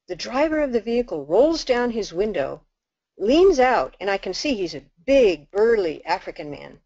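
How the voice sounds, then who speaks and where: An older woman, a nun, telling a story in a talk as an animated storyteller who acts out the dialogue. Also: medium pitch, no echo. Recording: dull lo-fi dry recording.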